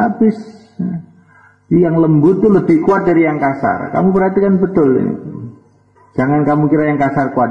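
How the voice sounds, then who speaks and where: Guy preaching a sermon in a big echoey hall, chatty and folksy, recording kinda dull. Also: mid-range voice. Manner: folksy, asks listeners rhetorical questions; recites Arabic verse slowly. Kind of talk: Islamic sermon to students.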